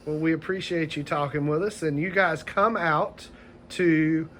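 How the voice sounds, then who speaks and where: A man's voice: fairly high pitch, steady tone, unhurried, fairly bright tone, a little hiss or hum. A man interviewing a comic shop owner, asking questions and giving short encouraging replies. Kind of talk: casual interview. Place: comic book store.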